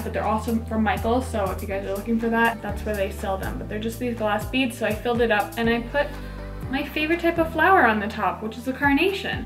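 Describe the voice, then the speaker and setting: Bubbly late-teen female vlogger, higher-pitched, faint lisp as if wearing a mouth tray, chatty delivery over music. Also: a bit bright. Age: late teens. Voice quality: slight lisp from a teeth-whitening tray in the mouth. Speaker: video host. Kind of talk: casual haul vlog chat. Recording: echoey room, music underneath. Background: background music.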